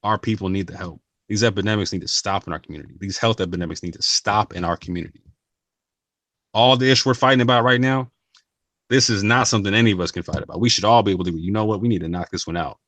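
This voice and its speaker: Low-voiced earnest man vlogging. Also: quick pace, fairly bright tone, dry recording. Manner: earnest, slangy, repeats and restarts phrases. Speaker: channel host. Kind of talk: casual talk to camera.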